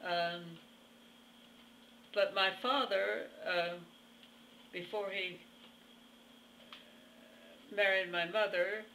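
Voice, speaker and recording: A woman over a hundred with a very old voice, answering an interviewer in a halting, plainspoken way with pauses mid-phrase. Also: mid-range voice, steady tone, sharp tone, a little hiss or hum, low-quality recording. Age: over 100. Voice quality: very old, aged voice. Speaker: interview guest. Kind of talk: reminiscing in conversation.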